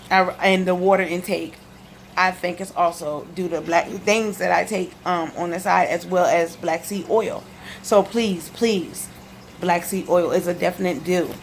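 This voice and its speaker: Over slight background noise, a woman with a fairly low voice and a lisp chats directly to the camera in her living room. She's a video blogger recounting her health experience, emphatic and casual, stressing key points more than once.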